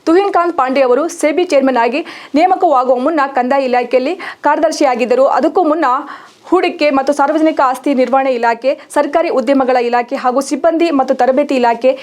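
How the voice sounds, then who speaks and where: A woman reading a scripted news report in an even, formal manner. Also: high-pitched, brisk. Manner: even, formal read-out delivery. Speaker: news reader.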